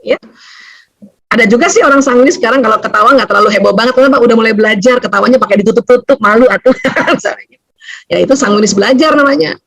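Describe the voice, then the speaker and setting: A woman, giving a lively seminar talk as a doctor, laughing often and acting out voices. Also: on the high side, very fast, dry recording, rough recording.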